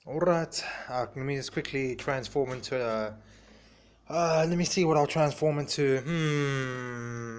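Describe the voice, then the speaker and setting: Man, casual pet vlog, slow playful talk, mid-pitched voice. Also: smooth. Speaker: vlogger. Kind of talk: casual vlog, playing his pets' voices.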